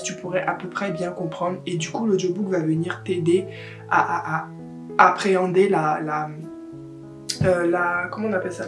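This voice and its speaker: A woman talks casually to her viewers as a book vlogger, easy and chatty, dropping English words into her sentences. Her voice rings in a roomy, echoing space. Soft guitar music plays faintly underneath. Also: on the low side. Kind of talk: casual chat to camera.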